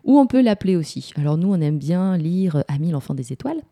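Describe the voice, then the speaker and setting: A woman in her thirties giving parenting advice in a relaxed, hesitant way with many pauses. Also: on the low side. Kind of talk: casual advice talk.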